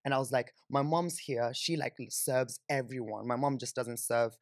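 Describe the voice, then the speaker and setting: Seated on a sofa in a compact indoor podcast studio, a young man with a Kenyan accent chats informally about his own life, leaning on "like" and "you know." His pitch is medium and his speed normal. Recorded on a close studio mic on a boom arm, the sound is studio quality with no echo.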